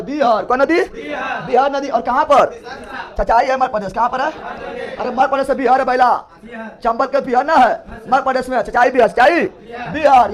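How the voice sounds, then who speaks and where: Male teacher, very high voice, repetitive call-and-response drilling, teasing and scolding, noisy classroom with students chanting answers. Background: students answering in chorus.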